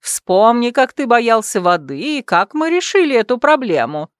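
A woman voicing a stern, domineering werewolf clan matriarch who speaks loudly and emphatically in an audiobook. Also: fairly high pitch, sing-song, smooth, dry recording, studio quality. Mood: coaxing. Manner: loud, commanding, slow and emphatic.

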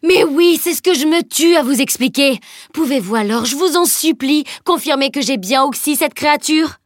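A woman's voice: mid-range voice, lively intonation, moderate pace, dry recording, studio quality, lightly acted. A woman voicing a boastful hulking warrior man. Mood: pleading. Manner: loud, swaggering storytelling. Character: boastful hulking blond male warrior, big-hearted. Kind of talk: audiobook character voice.

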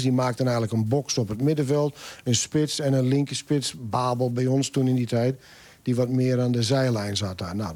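Husky man in his sixties. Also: mid-range voice, no echo. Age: 60s. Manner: relaxed, thoughtful, frequent hesitations. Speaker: assistant football coach. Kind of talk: casual interview.

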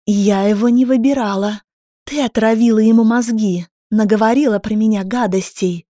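A woman's voice: normal speed, warm tone, no echo, clean studio sound, close to an everyday voice. A woman voicing an unhinged, furious pregnant young woman who screams and mocks in an audiobook. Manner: shrill, screaming, mocking.

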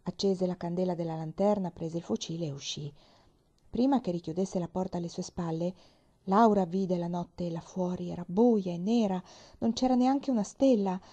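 A woman narrating a children's novel aloud, expressive and sometimes dropping to a whisper. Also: fairly low pitch, moderate pace, muffled recording. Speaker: reader. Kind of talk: audiobook narration.

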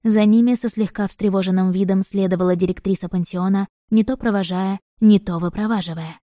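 A woman reading a novel aloud in even, measured scripted narration. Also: mid-range voice, dry recording, clean studio sound. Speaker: audiobook narrator.

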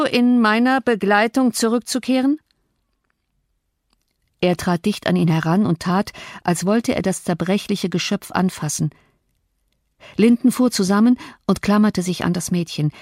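A woman narrating a classic novel with measured, expressive storytelling. Her voice sits in a middle register for a woman. The recording is dry and close, with no room echo. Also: medium pitch. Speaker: audiobook narrator. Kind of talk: literary audiobook narration.

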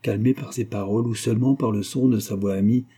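A man reads a novel aloud in measured, literary narration. His voice is very dark and low, with a husky grain. It suits a classic audiobook. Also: fairly even intonation. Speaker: audiobook reader. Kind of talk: scripted narration.

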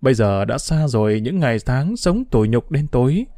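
In a close, dry recording free of room sound, a male audiobook narrator voices a first-person diary novel at a moderate pace. His delivery is emotional and expressive, with a dark, mellow tone and pitch that ranges widely across each sentence.

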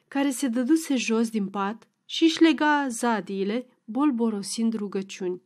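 A woman reading an audiobook in scripted narration, measured and expressive. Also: a little high.

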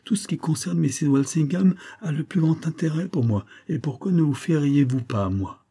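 A man voicing a proud noblewoman in an audiobook, calm and commanding. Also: fairly high pitch, moderate pace, breathy edge, pitched above the performer's own voice. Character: proud, dark-eyed noblewoman, composed. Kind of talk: audiobook character reading.

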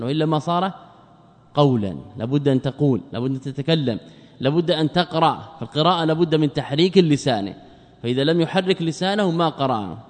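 Teaching a religious text as a sheikh, a man lectures quickly and asks his students questions that he answers himself. His voice is a little high with a darkish tone, and he's in a large hall.

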